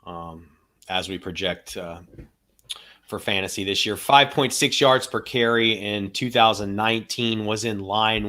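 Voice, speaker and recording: A man's voice: on the low side, pushed and bright. Methodical podcast co-host, man. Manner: methodical, runs through stats and contract figures; hedging, thinks aloud with "you know". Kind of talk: casual sports analysis chat.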